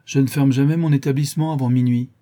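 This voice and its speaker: A man reading the part of a sly, suspicious tavern keeper in a falsetto voice in an audiobook. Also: fairly even intonation, fast, warm tone, lightly acted.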